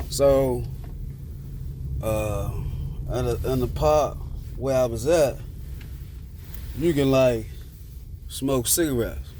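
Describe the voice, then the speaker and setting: A man's voice: medium pitch, darkish tone, slight background noise. Man rambling through a story in his car. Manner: rambling, profane, street slang. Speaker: vlogger telling a personal story. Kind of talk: casual storytelling.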